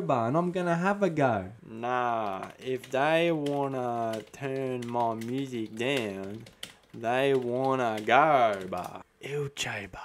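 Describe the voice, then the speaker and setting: A young man in his twenties with an Australian accent, playing a cocky, combative eshay lout in comedic commentary full of eshay slang. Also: on the high side. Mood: defiant, cocky. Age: 20s. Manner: eshay slang, tacks 'bah' onto sentences. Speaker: comedy host reacting to a chatbot. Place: small room at home, indoors. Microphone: close studio mic on boom arm.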